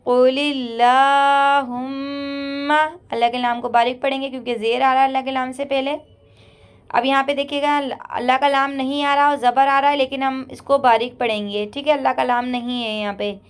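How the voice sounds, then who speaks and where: A woman with a high voice teaches Quran reading in a patient step-by-step lesson. She explains each rule plainly, checks in often, and chants the example words slowly and drawn out. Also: flat delivery, smooth.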